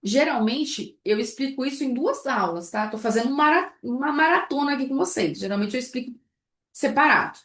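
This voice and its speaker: Lively woman teaching in an echoey room. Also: high-pitched, moderate pace. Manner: lively, rhetorical questions to the audience. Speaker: baking business instructor. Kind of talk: live online class.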